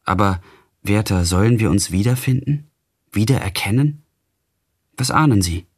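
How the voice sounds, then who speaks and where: A man voicing a gentle, devout young woman full of grief in a literary radio reading, his voice husky. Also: lowish voice, animated, moderate pace. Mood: tender grieving.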